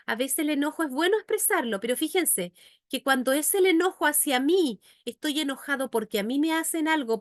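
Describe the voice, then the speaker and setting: A woman with a high, bright-toned voice delivers a faith-based teaching talk as a psychologist and educator. She speaks earnestly, turning to her listeners again and again with rhetorical questions. The recording is close and dry, with no room sound. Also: no room sound.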